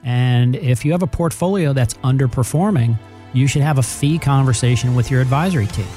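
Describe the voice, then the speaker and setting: A man's voice: medium pitch, a little fast, warm tone, faint music behind. A man talking as a financial advisor, explaining things conversationally and addressing the listener directly with emphasis. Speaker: financial advisor on a radio show. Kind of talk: conversational advice talk.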